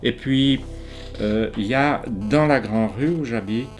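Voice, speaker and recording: An interviewed painter in his eighties, from Ticino, Switzerland, with Ticinese dialect as his first language, gives slow, reflective answers. His medium-pitched voice is hesitant, with many pauses and repeated words, and soft music plays in the background.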